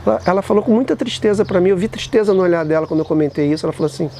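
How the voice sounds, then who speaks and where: Lively man telling stories. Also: sits high, rapid-fire, slight background noise. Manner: animated, colloquial, many restarts and tag questions. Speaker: vlogger sharing recovery reflections. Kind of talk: casual spoken reflection.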